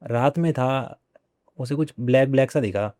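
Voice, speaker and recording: A man's voice: mid-range voice, a little mellow, no room sound, studio quality. A young man, a podcast guest, telling a personal ghost story in a casual way and often repeating his phrases. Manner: repeats phrases, conversational and unhurried.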